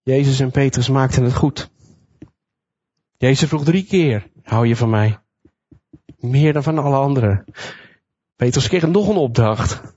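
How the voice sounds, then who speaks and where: A man preaching a sermon, retelling a Bible story in a lively storytelling manner and acting out the quotes. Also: mid-range voice, unhurried, pauses often, breathy edge. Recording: dull lo-fi recording.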